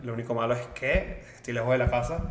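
A man's voice: mid-range voice, quick pace, background noise. A young man with a Venezuelan accent hosting a casual chat, rambling in slang with lots of fillers. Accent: Venezuelan Spanish. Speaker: podcast host. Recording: roomy echo.

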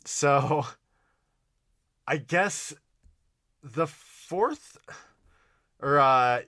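A man with a bright, forward voice in a close, dry recording. He talks in casual podcast banter, hesitant and rambling, leaning on "like" and easygoing slang as he finds his way through a thought. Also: fairly high pitch, animated, drawn-out words, no room sound. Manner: hesitant, rambling, heavy use of "like". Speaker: podcast co-host. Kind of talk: casual banter, fantasy draft commentary.

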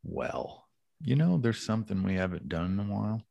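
A man's voice: normal speed, vocal fry, muffled recording. A man co-hosting a podcast in casual, profane chat. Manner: laid-back, swears, lively pitch swings. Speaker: podcast co-host.

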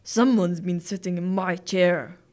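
A woman voicing a gruff big papa bear in a storybook reading, with a growling manner. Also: lowish voice, steady tone, a little slow, darkish tone, voice pushed down, close to an everyday voice.

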